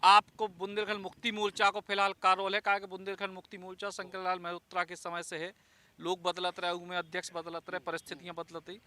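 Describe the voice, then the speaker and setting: A man's voice: high voice, monotone, quick pace, sharp tone. A man with a Bundeli accent interviewing an activist in the field, asking conversational questions.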